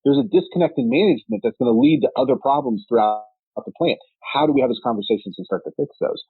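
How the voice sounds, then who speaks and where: A man's voice: mid-range voice, animated, fast talker, slightly rough, dry recording. A man co-hosting a workplace safety podcast, explaining his points in a methodical, casual way. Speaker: podcast co-host. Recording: tinny phone-like line.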